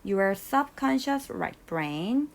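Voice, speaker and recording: A woman teaching an English reading lesson for a college entrance exam, reading English sentences slowly and explaining them briskly. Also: mid-range voice, expressive, gravelly. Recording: faint background noise.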